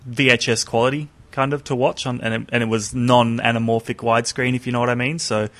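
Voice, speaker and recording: A man's voice: medium pitch, little pitch movement, fast talker, fairly bright tone. A man chatting casually as a podcast co-host, rambling through asides and self-corrections. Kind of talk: casual chat about films.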